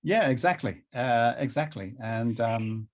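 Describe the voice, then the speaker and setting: A middle-aged man with a mid-range voice talks conversationally as an interview guest. He speaks haltingly and often repeats phrases to drive them home.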